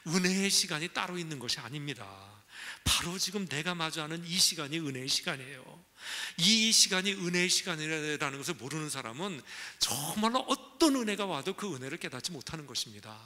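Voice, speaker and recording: Man, pastor, sermon, bright forceful voice, fairly high pitch, colloquial storytelling, rhetorical questions.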